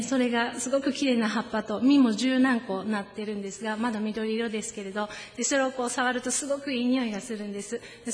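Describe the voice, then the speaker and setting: A woman preacher, giving a sermon with gentle personal stories and slowing down for solemn points. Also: a little high. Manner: gentle storytelling, slows down for solemn emphasis. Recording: echoey hall with long reverb.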